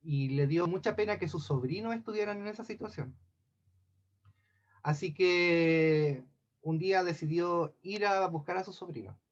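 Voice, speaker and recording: A man casually tells old myths to a group, pausing and restarting with chatty asides. His voice is a little high for a man. The recording sounds dull and lo-fi. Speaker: storyteller. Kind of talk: casual spoken myth telling. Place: talk for a scout group.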